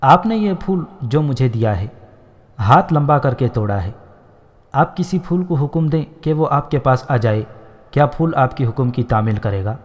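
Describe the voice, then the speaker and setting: A man's voice: mid-range voice, lively intonation, close to an everyday voice. A man reading the lines of an innocent, playful young woman in a storybook, in a simple, artless manner. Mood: teasing. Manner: simple, artless speech with quick wit. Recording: long hall reverb.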